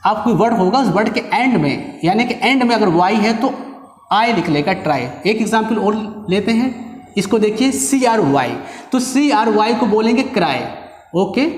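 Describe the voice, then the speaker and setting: Man teaching in an echoey hall. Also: high voice. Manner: explains step by step, often checks in with "okay"; drills letters slowly and invites the class to repeat. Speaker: English teacher. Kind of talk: spoken English lesson. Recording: echoey room with long reverb.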